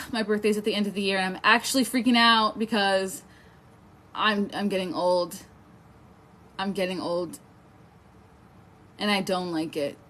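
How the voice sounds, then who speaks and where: A woman's voice: medium pitch, a bit bright. A woman in her twenties giving a casual, chatty tarot reading on a live stream, swearing freely and talking to her viewers. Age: 20s. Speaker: tarot reader.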